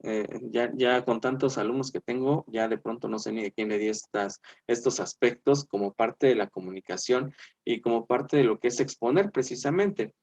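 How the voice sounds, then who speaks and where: A man teaching a class over a video call, his voice at an ordinary middle pitch. He talks in a loose, chatty way, with frequent "eh" and "este" fillers and rhetorical checks with his students. The call audio is dull and lo-fi. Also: moderate pace, darkish tone. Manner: chatty, fills with "eh" and "este", asks "¿verdad?". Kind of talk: online class lecture.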